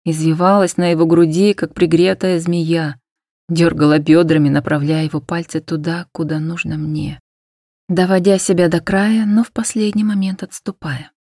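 A woman narrates a first-person story in a soft, intimate, hushed manner, with the occasional breathy whisper. Her voice sits on the low side, and the recording is dry and close to the microphone. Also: dry recording. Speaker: audiobook narrator.

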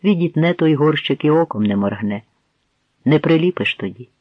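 A man narrating a historical tale in measured storytelling fashion, as an audiobook reader, on a tinny, dry recording. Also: fairly high pitch, animated, dry recording. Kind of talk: scripted narration. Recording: tinny phone-like dry sound.

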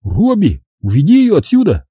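A man's voice: sits high, sing-song, moderate pace, husky, no echo, highs cut off, voice pushed up, heavily acted. A man voicing a hot-tempered, condescending male kidnapper who speaks with scorn.

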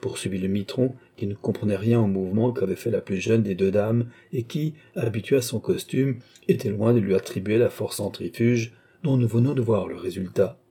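Dark, husky male audiobook narrator. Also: on the low side. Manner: measured storytelling. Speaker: audiobook reader. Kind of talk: scripted literary narration.

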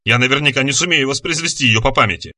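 A man's voice: mid-range voice, fast, pushed and bright. A man as a fussy, nervous scholar. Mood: hesitant. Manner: pedantic, hesitant. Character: fussy middle-aged male scholar, nervous.

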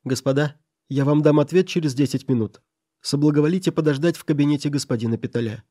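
A man's voice: on the high side, quick pace, warm tone, lightly acted. A man voicing an indignant male office clerk in an audiobook, speaking in a raised, outraged voice. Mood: flustered.

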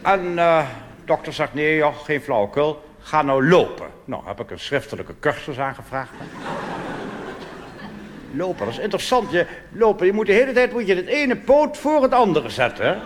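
Performing in character as a pompous, blustering reactionary army officer, a Dutch cabaret comedian rambles through a stand-up monologue peppered with tag questions for a live theater audience. The male voice runs on the high side, very animated at normal speed, and the stage recording has hall reverb and hiss.

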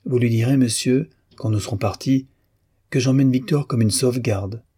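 A man voicing a proud, clever young man who answers politely and with quiet confidence. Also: mid-range voice, moderate pace, breathy edge, pitched above the performer's own voice, close to an everyday voice.

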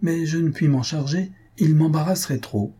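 A man's voice: a little high, normal speed, dark tone, husky, voice pushed up. A man voicing a witty, mocking young noblewoman who talks in a teasing, proudly plain-spoken way.

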